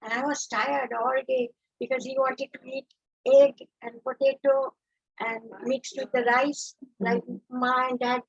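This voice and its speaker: A woman recounting her loved one's final days at a memorial gathering, in a halting, unhurried way. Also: sits high, little pitch movement, creaky, slightly rough, no room sound, highs cut off. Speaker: family member remembering the deceased. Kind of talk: personal remembrance.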